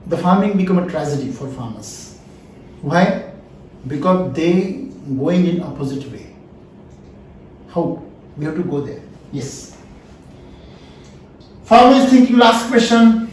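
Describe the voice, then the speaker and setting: High-voiced Indian man lecturing in echoey hall. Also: animated, a little slow, pauses often, darkish tone, far from the mic, slight background noise. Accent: Indian English. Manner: repetitive questioning, asks "yes or no?". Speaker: founder giving a farming seminar. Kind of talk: lecture with audience call-and-response. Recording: echoey room recorded from afar.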